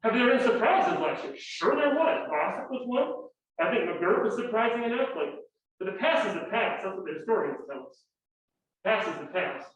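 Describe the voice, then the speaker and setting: A man on a law-school panel talks in a halting, rambling way, full of restarts. His voice sits fairly high for a man. He is heard from a distance in a very echoey room, and the sound is dull. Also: expressive. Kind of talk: panel talk. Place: lecture room.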